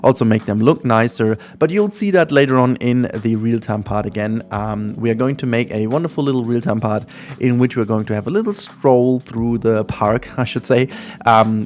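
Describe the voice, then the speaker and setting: Faint music plays behind this man as he hosts laid-back gameplay commentary. A native German speaker with an accent to match, he has a mid-range, slightly mellow voice and a chatty, meandering style packed with ums.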